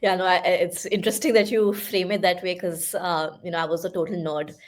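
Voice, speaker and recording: A young woman whose first language is Hindi speaks Indian-accented English in a fairly low voice, briskly and with little pitch movement. She's a podcast guest in a conversational interview, thoughtfully talking through her path with lots of fillers and asides.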